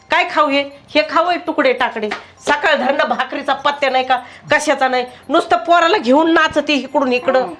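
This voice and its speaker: A sharp-tongued older mother-in-law, as a woman acts her out. She nags and scolds in a fairly high voice, dropping folk sayings as she goes. Background music runs under the comic family sketch. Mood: grumbling.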